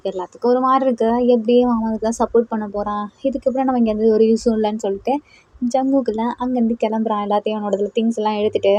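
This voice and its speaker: A woman casually retelling a fan-fiction story, lively, with many rhetorical questions. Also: a little high, rapid-fire, no room sound, highs cut off.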